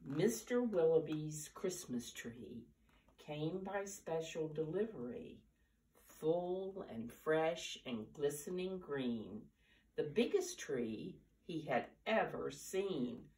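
Reading and chatting with preschoolers at storytime, an older American woman of seventy or beyond uses simple, deliberate, teacher-like phrasing. Her low-pitched, mellow voice is animated. The rough recording comes from a camera a few steps away in a home living room, far from the mic.

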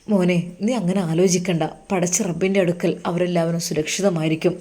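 A woman voicing a kindly older male religious teacher who gently consoles a grieving young man. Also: lowish voice, fairly even intonation, fairly quick, pitched below the performer's own voice, lightly acted. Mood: consoling.

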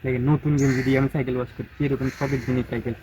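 Speaking rapid-fire at a medium pitch with little variation, a man chats to viewers in a casual backyard vlog beside a pond. He sounds a bit weary after washing his bicycle, rambles freely, and keeps quiet so the neighbours won't notice. The recording is rough, with slight background noise.

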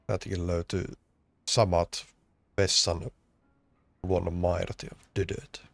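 A man's voice: low voice, level tone, vocal fry, dry recording. A man from Finland doing casual, rambling let's-play commentary, joking and grumbling as he plays. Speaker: streamer.

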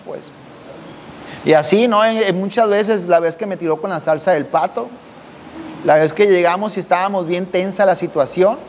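Casting: male podcast host, high voice, slangy casual anecdotes, roomy reverb. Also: slight background noise. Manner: slangy, drops "güey" constantly, acts out voices. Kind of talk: casual storytelling monologue.

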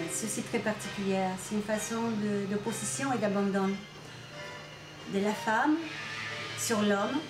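This interview features an Argentine-born woman painter with a mid-range voice, speaking thoughtfully and occasionally hunting for the right word. The setting is a roomy indoor art gallery with music in the background, captured on a camcorder mic at medium framing.

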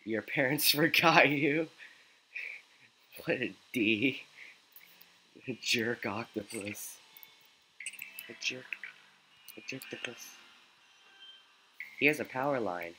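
A man's voice: mid-range voice, slow pace, long pauses, sharp tone, slight background noise, rough recording. A man giving joking let's play commentary, making goofy asides while he plays. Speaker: gaming YouTuber.

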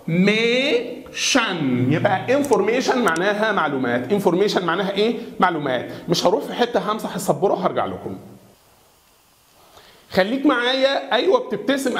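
A man with an Egyptian Arabic accent teaching English pronunciation in a classroom style. He keeps asking questions for the viewer to answer and slows down to spell words out. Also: high voice, reverberant. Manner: repeats questions and has the viewer answer back.

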